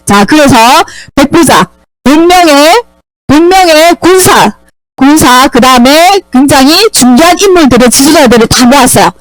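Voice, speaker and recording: A woman's voice: sits high, animated, normal speed, no room sound, rough recording. A woman teaching Sunday school, animatedly telling a Bible story and quizzing the children.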